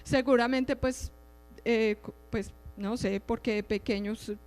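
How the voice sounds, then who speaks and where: A woman's voice: on the high side, steady tone, slow, darkish tone. A middle-aged woman gives a religious teaching mixed with personal testimony. She speaks in a conversational way and keeps checking in with her listeners. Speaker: lay preacher giving testimony. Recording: reverberant hall with faint music behind.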